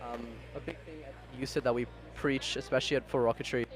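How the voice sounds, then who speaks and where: Young student man, mid-pitched, measured, filler-heavy, outdoors. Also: fairly even intonation. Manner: thoughtful, hesitant with fillers. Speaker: student rocketry team member. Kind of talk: casual interview. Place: outdoors at a launch site.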